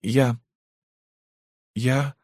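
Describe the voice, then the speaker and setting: A man's voice: fairly low pitch, animated, moderate pace, no echo, studio quality, pitched above the performer's own voice. A man voicing a tearful young girl who pleads dramatically with her mother, in an audiobook. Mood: sobbing.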